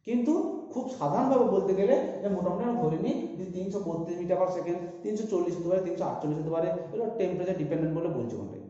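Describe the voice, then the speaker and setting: A man's voice: sits high, animated, racing, warm tone. A man teaching a physics class, working through sums aloud and answering his own questions. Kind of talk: classroom lecture. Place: large echoey room. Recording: echoey hall, dull lo-fi sound.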